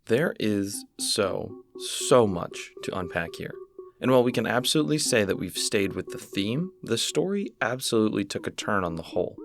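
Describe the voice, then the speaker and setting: A male YouTube host unpacks a horror series' lore at a moderate pace, his low voice carrying vocal fry. In this voice-over with music behind it, his casual analysis commentary stays relaxed and conversational, with enthusiastic asides.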